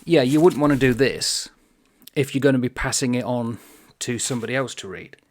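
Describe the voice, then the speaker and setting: A middle-aged man talking about books in a thoughtful, unhurried way, pausing often as he muses aloud. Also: mid-range voice. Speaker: book vlogger. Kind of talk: reflective book vlog talk.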